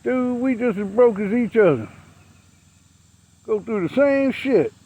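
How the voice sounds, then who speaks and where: A man's voice: very high voice, expressive, a little slow, mellow, lo-fi sound. A man, ranting bluntly and profanely to camera outdoors as a vlogger. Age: 60s.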